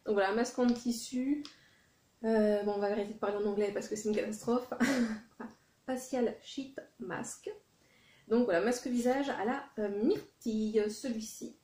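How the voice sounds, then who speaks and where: A woman's voice: medium pitch, steady tone, fairly quick, warm tone. Chatty woman, echoey room. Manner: chatty, many fillers and self-corrections. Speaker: vlogger. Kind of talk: casual shopping haul chat.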